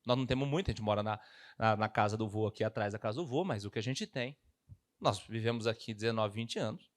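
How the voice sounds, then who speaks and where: Um homem imitando uma mãe calma e protetora, de voz mais grave e tom firme e acolhedor. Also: male voice, fairly low pitch, fast talker, voice pushed down, natural voice. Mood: tender, firm. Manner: gentle but firm reassurance. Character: mother, calm, firm and caring mentor.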